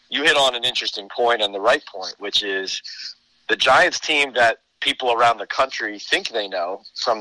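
A man's voice: medium pitch, sharp tone, dry recording, low-quality recording. A man giving conversational sports analysis as a podcast guest, explaining his case point by point.

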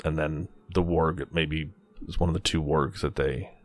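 A man's voice: extremely low pitch, fairly even intonation, unhurried. A man talking casually as a player in a tabletop role-playing game, hesitant and thinking aloud as he goes.

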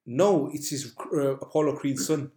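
A man's voice: a little high, normal speed, warm tone. Rambling man, echoey room. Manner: rambling, full of uh and restarts. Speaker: podcast host. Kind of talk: casual chat.

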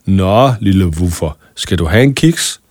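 A man's voice: fairly low pitch, a little mellow, no room sound, clean studio sound, lightly acted. A man voicing a haughty, affected queen of the beasts in a storybook reading. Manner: affected, mocking.

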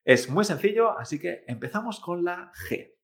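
A Chinese teacher speaks in a high, expressive voice at normal speed during a pronunciation lesson. He elongates sample syllables and checks in with "¿eh?", directly prompting the listener to say them back.

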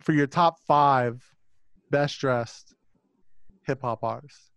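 A man's voice: mid-range voice, slow, a bit bright, clean tone, dry recording. A man hosting a podcast, telling stories in a loose, casual way with some swearing. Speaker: podcast host.

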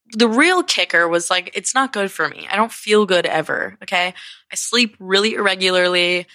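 Hosting her solo podcast, a young Connecticut woman in her twenties rambles candidly, leaning on fillers and curse words while sounding stuffed-up and sniffly. Her lowish voice has a sharp edge, and the clean studio sound carries no echo.

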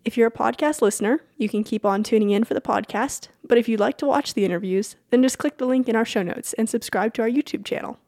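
A woman's voice: fairly high pitch, fast, hardly any pauses, a little mellow, dry recording, studio quality. A woman podcast host who reads her show's announcements and introduction, then chats with a guest, talking in a chatty way, apologizing and laughing easily. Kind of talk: scripted podcast intro and casual interview.

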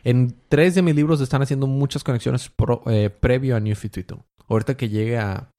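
A man's voice: mid-range voice, steady tone, fairly quick, dark tone. Chatty man hosting comics talk. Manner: chatty, drops in English and slang. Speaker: podcast host. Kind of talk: casual comic-book recap chat.

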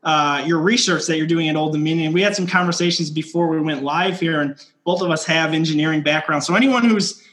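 A man's voice: fairly high pitch, fairly bright tone. A man co-hosting a podcast, welcoming the guest in a friendly, enthusiastic way and asking her to explain her research. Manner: friendly, enthusiastic, slightly repetitive. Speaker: podcast co-host.

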